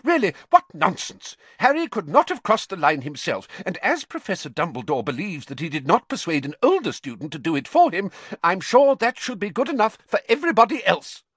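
A man voicing a stern, indignant older woman professor in an audiobook, sharp and scolding. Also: high-pitched, big pitch swings, fairly quick, slightly rough, dry recording, voice pushed up, heavily acted. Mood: sharp indignation.

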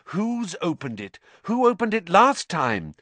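A man's voice: high voice, huge pitch swings, a little slow, fairly bright tone, dry recording, pitched above the performer's own voice, heavily acted. A man voicing a brave, stubborn schoolboy hero in a storybook, insistent and questioning. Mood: urgent. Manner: insistent, fierce.

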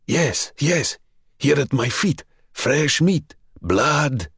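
A man's voice: a little high, animated, drawn-out words, vocal fry, fairly bright tone, husky, no room sound, clean studio sound, exaggerated voice. A man voicing a desperate young man who pleads eagerly and lies to bargain with a vampire.

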